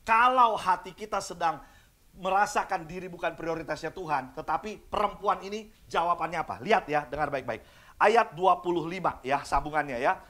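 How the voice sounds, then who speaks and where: A man delivering an animated church sermon. His voice sits high, and he keeps putting questions to the congregation and slipping into quick acted-out voices as he preaches. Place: church service.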